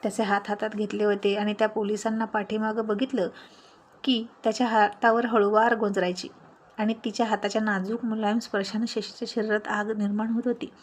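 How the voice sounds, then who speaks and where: A woman narrating a serialized story in a lively storytelling manner, voicing the characters' lines herself. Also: medium pitch, fairly quick.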